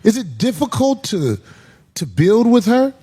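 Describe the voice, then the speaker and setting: A man hosts a loose comedy panel, talking in a high, lively voice with big swings. He takes his time and drags words out for effect. His talk is profane and animated. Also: unhurried, breathy edge. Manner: animated, profane, slips into put-on shouts. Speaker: host.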